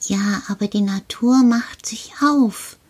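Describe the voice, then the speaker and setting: A woman voicing a cheerful little male creature living in an earth cave, speaking slowly and patiently and often dropping to a whisper. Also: mid-range voice, a little mellow, breathy edge. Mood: cheerful, explaining.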